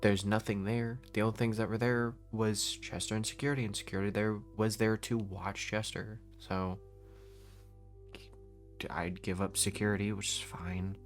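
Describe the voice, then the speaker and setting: A man's voice: lowish voice, little pitch movement, normal speed, faint music behind, close to an everyday voice. A man voicing a weary male leader in a casual voice-acted roleplay, reasoning aloud and restarting his sentences. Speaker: roleplay lead.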